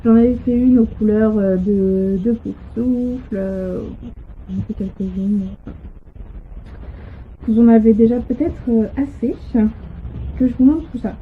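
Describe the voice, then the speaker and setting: A woman's voice: unhurried, slight background noise. Hesitant woman, tinny audio. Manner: hesitant, full of "euh" and restarts. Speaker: knitting and crochet podcaster. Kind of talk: casual show-and-tell chat. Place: home, on a sofa. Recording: tinny low-quality home audio.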